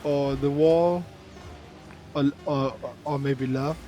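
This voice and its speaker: A man's voice: a little high, steady tone, slow pace, warm tone, faint music behind. A young man chatting casually while gaming with friends, teasing and laughing a lot. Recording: faint background noise.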